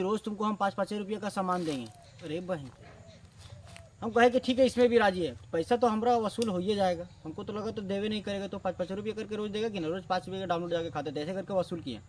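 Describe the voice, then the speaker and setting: A man telling a comic story in a casual, animated way, swinging between loud and hushed. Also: high-pitched. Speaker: storyteller, channel host. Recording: distant mic with faint background noise.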